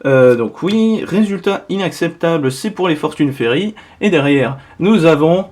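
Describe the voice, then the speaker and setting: A man talks his way through a trading card opening in a loose, chatty style, full of small asides and musings on each card. His voice sits a touch higher than most men's. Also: expressive, a little slow, a little mellow. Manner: chatty, rambling, full of little "hop, voilà" asides. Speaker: card collector opening boosters. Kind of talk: casual unboxing commentary.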